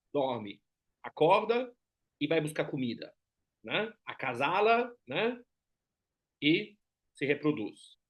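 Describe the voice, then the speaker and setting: A man's voice: fairly high pitch, breathy edge. A man from Germany with a German accent, giving an explanatory lecture as a teacher and often checking in with short tag questions. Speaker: Enneagram teacher.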